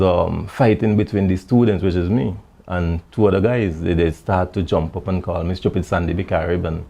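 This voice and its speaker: A man from St Vincent with a Vincentian Creole accent, recalling his childhood in an oral history interview, halting and repeating words as he goes. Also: deep voice, creaky, warm tone.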